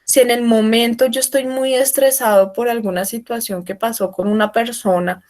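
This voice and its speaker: A woman leads an online training session, speaking up loudly so remote listeners can hear her. Her voice sits a little higher than most, and she explains things patiently, often pausing to check that everyone follows. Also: steady tone. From Colombia. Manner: explanatory, asks frequent check-in questions. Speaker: workshop trainer.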